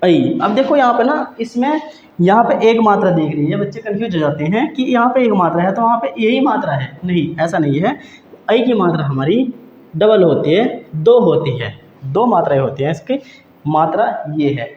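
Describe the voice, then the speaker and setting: A high-voiced man teaches a grammar lesson, saying each example word slowly and then repeating it. His tone is patient, and he often calls his listeners friends. The room is echoey, the sound is dull, and a faint hiss sits behind him. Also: very animated, darkish tone. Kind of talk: exam-prep grammar lesson.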